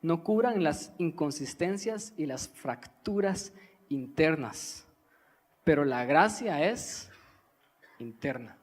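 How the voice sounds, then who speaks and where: A young man from Guatemala, preaching a sermon in an earnest teaching manner, pausing to stress key words. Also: a little high, lively intonation. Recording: reverberant church hall.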